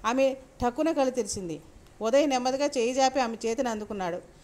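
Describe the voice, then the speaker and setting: High-voiced woman storyteller. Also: quick pace, darkish tone. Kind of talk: reading a serialized novel aloud.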